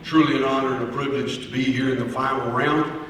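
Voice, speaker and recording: A man's voice: mid-range voice, steady tone, fairly bright tone, slight background noise. Guy giving polite earnest formal speech, really echoey hall, mic far off. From Oklahoma, US. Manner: courteous, earnest, deliberate oratory. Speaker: auctioneer, contest finalist. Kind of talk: formal spoken contest answers.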